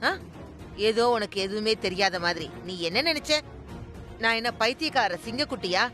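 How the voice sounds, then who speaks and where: A woman's voice: mid-range voice, animated, normal speed, pushed and bright, soft background music. An actress dubbing a fierce, outspoken woman who confronts a schemer in a TV serial drama. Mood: sarcastic. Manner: accusing, sarcastic. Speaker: household member, once a maid. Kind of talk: dubbed TV serial acting.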